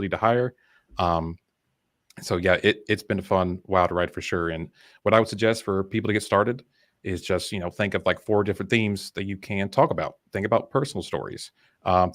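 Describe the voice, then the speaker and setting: A man's voice: sits low, dry recording, studio quality. A young man as a podcast guest, telling candid, self-deprecating stories in a casual interview. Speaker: podcast guest, business founder.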